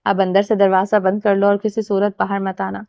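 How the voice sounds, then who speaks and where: A woman's voice: mid-range voice, completely flat delivery, creaky, no echo, dull audio, close to an everyday voice. A woman voicing a devoted, protective husband in her own earnest reading voice. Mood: tender, resolute.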